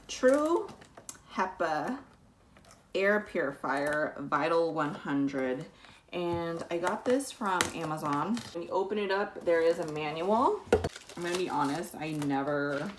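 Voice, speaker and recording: A young adult woman vlogging casually at home, chatty and bubbly with quick asides. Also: deep voice, lively intonation, background noise. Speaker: wellness vlogger. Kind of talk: casual vlog chat. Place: home, indoors.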